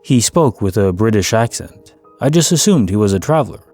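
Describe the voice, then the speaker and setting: Man, story narrator, calm measured delivery, mellow dark tone, faint music behind. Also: on the low side. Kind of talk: scripted first-person story narration.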